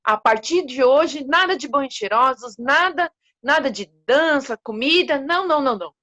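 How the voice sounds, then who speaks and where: A woman's voice: high-pitched, big pitch swings, normal speed, pushed and bright, pitched above the performer's own voice, full character voice. Woman playing a bossy leopard king. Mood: commanding. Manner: commanding, exclaiming.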